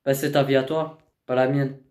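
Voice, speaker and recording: A man working as a youth educator, speaking firmly and insistently but keeping a calm voice during a tense reality TV confrontation. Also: mid-range voice, moderate pace, reverberant. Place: inside a family apartment.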